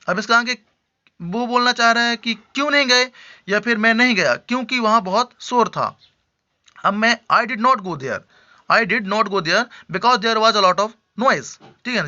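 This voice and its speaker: A man with a high, very bright and sharp voice teaches spoken English. He explains patiently, checks in often with his learners and repeats his example sentences slowly. The recording sounds dull and lo-fi. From India. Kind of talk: Hindi-language English lesson.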